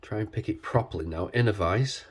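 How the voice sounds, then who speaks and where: A man congested with a cold, talking casually and hesitantly as he hosts a hands-on demonstration, his voice husky from man flu. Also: lowish voice, fairly quick, slight background noise. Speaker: video host.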